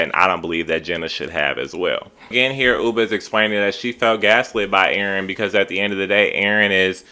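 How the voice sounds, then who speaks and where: Very low-voiced man, bright and forceful. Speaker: reality TV reviewer. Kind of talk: casual opinionated commentary.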